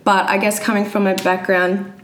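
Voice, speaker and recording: Speaking at a moderate pace in a level, mid-range voice, a Brisbane woman in her twenties with a Queensland Australian accent shares her personal story as an interview guest. She sounds casual and somewhat hesitant. Roomy echo and audible background noise mark the recording.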